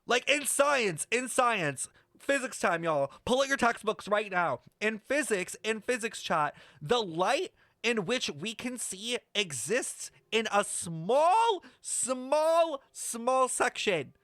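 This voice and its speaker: A brash, sweary streamer reacts to a video game story, rambling casually through an explanation and playfully scolding viewers, drawing out words for theatrical emphasis. Her mid-range voice is animated; the clean studio sound carries a roomy echo and faint music behind.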